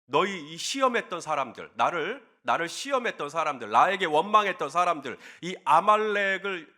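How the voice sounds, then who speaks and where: A man's voice: sits high, fairly quick, sharp tone. A man preaching who voices God as hurt and angry, scolding his people with rhetorical questions. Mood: indignant. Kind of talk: sermon.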